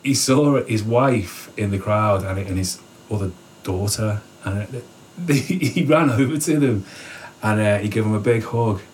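A man telling a story in casual conversation, animated and laughing often, acting out what people said. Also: lowish voice, unhurried, slight background noise. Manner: animated, laughs often, acts out quotes with a raised voice. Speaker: guest.

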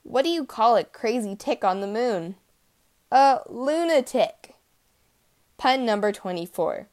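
A woman's voice: mid-range voice, expressive, moderate pace, darkish tone. A woman hosting a podcast, reading out puns in a playful, punchy way. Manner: playful, punchy delivery of jokes. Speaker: podcast host.

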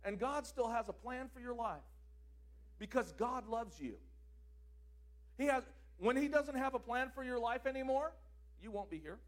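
A man preaching a sermon with a very high, bright-sounding voice. His pitch moves all over the place, rising for loud declarations and dropping to quiet asides. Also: animated, normal speed, pauses often.

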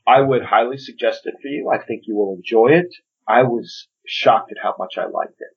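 Heard through dull audio, a man with a medium-pitched, creaky voice and a breathy edge speaks at a moderate pace. As a podcast co-host, he keeps the film chat casual, easygoing and agreeable.

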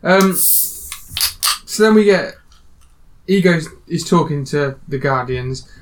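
A man casually recapping a film with friends as podcast host, relaxed and rambling. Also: fairly high pitch, slow pace, background noise. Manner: relaxed, recapping scenes with many "um"s.

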